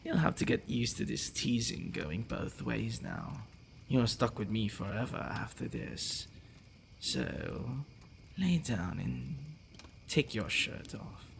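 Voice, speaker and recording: Whispering breathily with hesitant pauses, a man performs an intimate ASMR roleplay as a teasing, possessive, devoted vampire boyfriend. His fairly low, sing-song voice is heavily acted, with slight background noise, and the mood is gentle and teasing.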